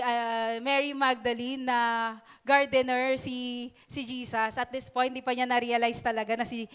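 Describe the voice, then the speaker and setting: Young female preacher, high smooth voice, loose conversational delivery with fillers and asides. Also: fairly bright tone. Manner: conversational, halting, with many fillers and playful asides. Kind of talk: sermon in Taglish.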